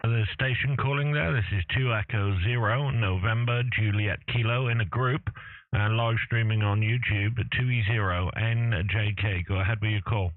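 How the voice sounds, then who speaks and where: Ham operator, man, heard over shortwave radio; low, hesitant, narrow and dry. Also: moderate pace, no echo. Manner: steady repetitive call-sign spelling with hesitant uhs. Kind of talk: calling CQ on air.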